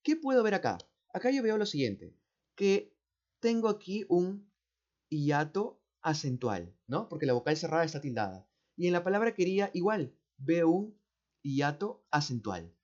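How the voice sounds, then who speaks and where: Man teaching slowly with a Peruvian accent. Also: fairly high pitch, very animated, a little mellow. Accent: Peruvian Spanish. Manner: slow, repeats words, asks "¿no?" and "¿cierto?" often. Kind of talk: explaining exam answers step by step. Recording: dull, muffled audio.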